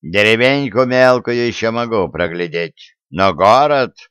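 Man voicing a gruff, commanding old-style tsar. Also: on the low side, measured pace, a bit bright, dry recording. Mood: interrogating. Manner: archaic folksy speech, commanding. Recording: dull, lo-fi dry audiobook.

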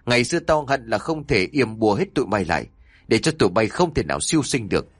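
A man voicing a cruel, wealthy older master who uses curses, speaking in fast, menacing outbursts. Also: lowish voice, big pitch swings, breathy edge, no room sound, clean studio sound. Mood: defiant. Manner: menacing, snarling, quick outbursts.

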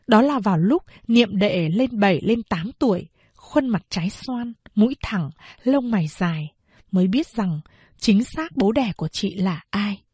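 A woman narrating a novel as an audiobook, in a slow, measured storytelling manner. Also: mid-range voice, lively intonation, a little mellow, breathy edge, dry recording.

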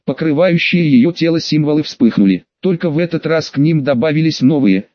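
Male audiobook narrator, slightly high voice. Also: brisk, dry recording, highs cut off. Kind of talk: scripted fantasy audiobook narration.

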